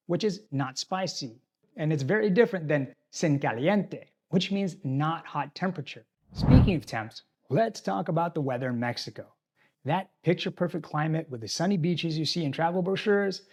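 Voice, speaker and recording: Speaking from a tropical island, this expat-channel host has a somewhat high voice with a darkish tone. His scripted explainer addresses viewers head-on with direct advice about life overseas.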